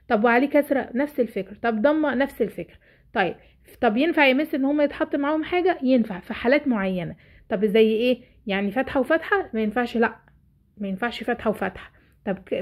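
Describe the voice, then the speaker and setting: A woman's voice: a little high, darkish tone. A woman teacher with an Egyptian Arabic accent explaining a lesson, asking herself questions and answering them. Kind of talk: explaining a lesson to parents and children. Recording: dull lo-fi recording.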